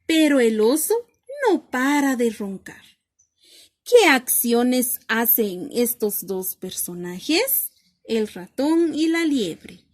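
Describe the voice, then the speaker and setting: A woman reading a picture book aloud to children as a lesson, asking questions and then answering them herself. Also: a little high.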